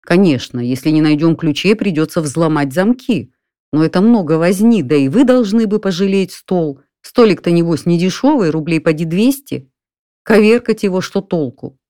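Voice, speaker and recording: A reader of a story voicing a calm, folksy burglar who talks things over patiently, higher and louder than their narrating voice. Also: no room sound, studio quality, lightly acted. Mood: reasoning. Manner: folksy, unhurried, addresses the listener as "барин". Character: calm, reasoning burglar in an apartment.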